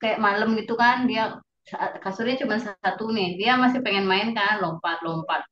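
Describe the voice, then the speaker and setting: A woman's voice: medium pitch, a little fast, a bit bright. A woman, a parent, chatting casually about her child with many fillers, heard off-mic. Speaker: guest parent. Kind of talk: casual chat. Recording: roomy, dull, off-mic.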